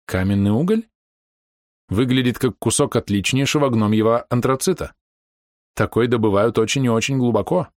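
A man's voice: medium pitch, brisk, no echo, studio quality, close to an everyday voice. A man voicing a nervous, curious male adventurer who hisses and frets in an audiobook. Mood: surprised. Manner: hissing, fretful.

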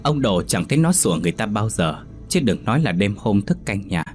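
A man narrating a scripted ghost story in a steady, suspenseful reading voice. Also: fairly low pitch, fairly quick, soft background music.

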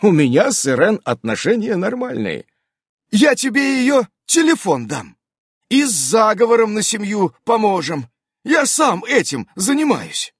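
A man voicing a calm, slightly boastful man who reassures and teases in a read-aloud story. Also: high voice, a little slow, slightly rough, no echo, studio quality, pitched above the performer's own voice, full character voice. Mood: reassuring.

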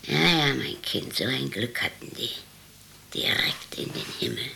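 A woman's voice: extremely low pitch, animated, measured pace, creaky, sharp tone, whispered, exaggerated voice. An actress playing a vain, querulous old woman in a radio drama, imperious and self-pitying. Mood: wistful. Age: older. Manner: querulous, imperious, theatrically indignant. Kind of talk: naturalistic German radio drama.

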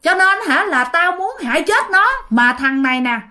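A woman voicing a centuries-old male ghost who shouts threats in a very old-sounding voice. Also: high voice, lively intonation, normal speed, pitched above the performer's own voice. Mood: furious. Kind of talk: told ghost story.

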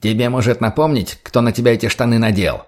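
A man's voice: mid-range voice, fast talker, darkish tone, lightly acted. A man voicing a crude, short-tempered drug addict thug who barks profanity bluntly. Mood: aggressive.

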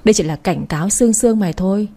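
A woman voicing a blunt, sharp-tongued young woman who taunts her rival. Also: medium pitch, racing, lightly acted. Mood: threatening. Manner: mocking, taunting.

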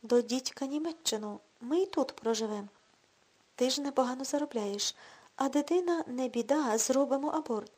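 A woman's voice: high voice, moderate pace, darkish tone, slightly rough. A woman reading the lines of a drunken, boastful washed-up middle-aged man who talks in a pushy, self-assured, coaxing way.

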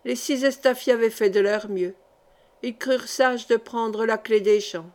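A woman's voice: a little high, unhurried, a little mellow. Woman narrating a historical novel. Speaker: audiobook reader. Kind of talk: scripted narration.

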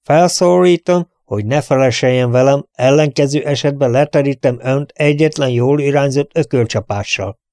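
A man's voice: mid-range voice, creaky, darkish tone, dry recording, studio quality, voice pushed up, lightly acted. A man voicing a cheerful, dignified prince who turns mock-stern. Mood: jovial. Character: jovial, dignified, scheming male prince.

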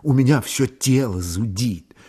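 A man voicing a sick, frightened young Cossack woman who speaks quietly and partly in a whisper. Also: mid-range voice, unhurried, breathy edge.

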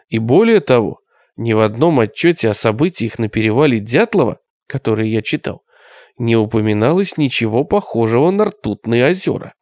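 A man narrating a first-person audiobook in a measured, tense storytelling manner. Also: medium pitch, darkish tone, no echo, clean studio sound.

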